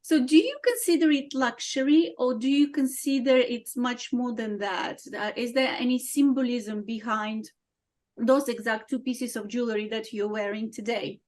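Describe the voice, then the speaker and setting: Effusive woman host with a higher voice. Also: normal speed, darkish tone. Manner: effusive and admiring, with long, circling questions. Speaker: podcast host. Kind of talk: interview conversation.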